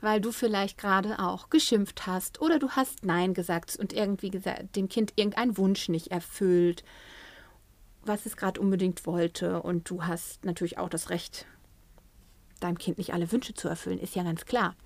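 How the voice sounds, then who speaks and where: A woman giving parenting advice in a lively way, acting out what parents and children say. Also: fairly low pitch, moderate pace, no room sound. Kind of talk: advice talk.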